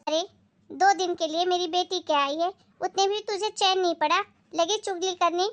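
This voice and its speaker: A woman doing a sharp-tongued middle-aged mother-in-law in a family moral skit. She scolds in a very high voice. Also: steady tone, normal speed. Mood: angry. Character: nagging middle-aged mother-in-law who avoids housework.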